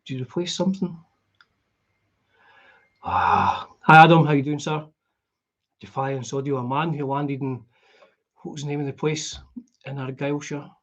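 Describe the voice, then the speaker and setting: A middle-aged man with a broad Scottish accent and a husky voice, chatting casually and in a rambling, conversational way as he hosts a live stream. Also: a little high, steady tone, a little slow, long pauses, fairly bright tone, muffled recording. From Scotland. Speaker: guitar vlogger hosting a live stream. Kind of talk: casual chat.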